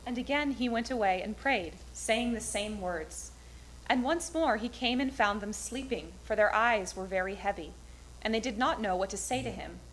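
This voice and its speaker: A woman's voice: mid-range voice, animated, normal speed, fairly bright tone. A woman giving a formal reading of scripture at a church service. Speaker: scripture reader at a Good Friday service. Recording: clearly noisy live recording.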